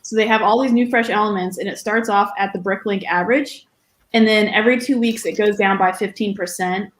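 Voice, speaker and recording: A woman's voice: mid-range voice, steady tone, brisk, reverberant, poor audio. A woman guest chatting on a casual livestream, enthusiastic and rambling as she talks.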